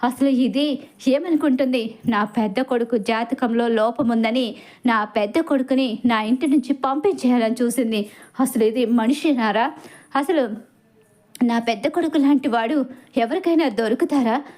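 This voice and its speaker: An enraged old father hurls shouted accusations, as a woman narrator puts him on. The voice sits high and keeps its storybook colour. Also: moderate pace, lightly acted. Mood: bitter.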